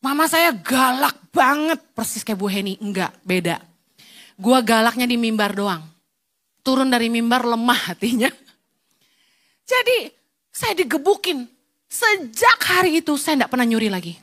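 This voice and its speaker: A woman's voice: on the high side, expressive, moderate pace, long pauses, a bit bright. A middle-aged woman pastor, preaching bluntly and mixing slang with English words. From Indonesia. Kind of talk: sermon.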